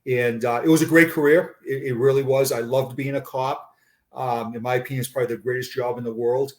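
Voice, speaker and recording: An older man from the Boston area, a retired police sergeant with a Boston accent, speaks as a guest in an unscripted interview. His medium-pitched voice is brisk and fairly even, and he is earnest, often repeating and restarting his words.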